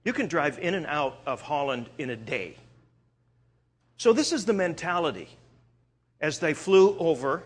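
A man from Eastern Canada preaching a sermon, telling stories in an animated way and often restarting his sentences. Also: on the high side. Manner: animated storytelling with frequent restarts.

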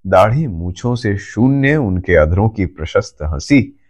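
A man reading a story aloud as narrator, in a measured, expressive manner. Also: fairly low pitch.

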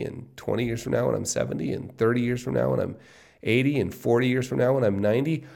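A man in his fifties hosting his own podcast, musing aloud in an excited, casual solo monologue and often repeating himself. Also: mid-range voice, creaky. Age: 50s. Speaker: podcast host.

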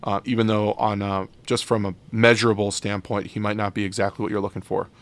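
A man's voice: fairly low pitch, flat delivery, brisk. A man co-hosting a sports podcast, talking casually and loosely with many fillers and restarts. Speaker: podcast co-host.

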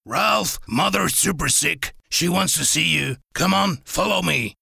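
Woman doing a worried, gravelly rat brother. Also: deep voice, animated, unhurried, pushed and bright, no echo, clean studio sound, exaggerated voice. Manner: anxious, pleading.

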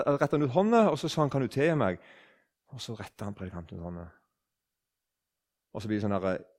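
A man in his sixties from southern Norway, telling a story in a conversational way, often restarting his sentences. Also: lowish voice. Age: 60s. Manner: animated, restarts sentences, acts out quoted speech. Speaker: speaker on faith.

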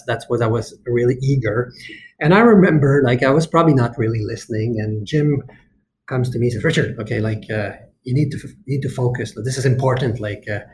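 A man's voice: mid-range voice, a little mellow, slight background noise. A man in his fifties, a company executive being interviewed on a podcast, speaking earnestly and passionately, often restarting his sentences.

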